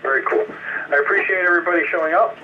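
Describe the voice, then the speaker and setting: Male net-control operator, relaxed chatty sign-off, heard through a thin radio link with light static. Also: sits high, very fast. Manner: easygoing, chatty, with filler words. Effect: heard over a ham radio transmission with static. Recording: tinny radio transmission, faint static.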